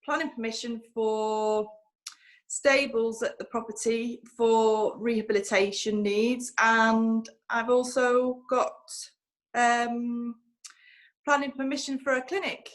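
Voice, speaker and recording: Guest: thirties woman, slightly high voice, halting and filler-heavy. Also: level tone. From North Wales. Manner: hesitant, many ums and restarts. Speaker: guest physiotherapist. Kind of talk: conversational interview.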